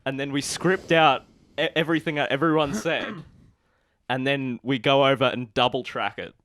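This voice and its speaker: Rambling young guy pitching ideas. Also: fairly even intonation, normal speed, a bit bright. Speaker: podcast co-host. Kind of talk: casual chat.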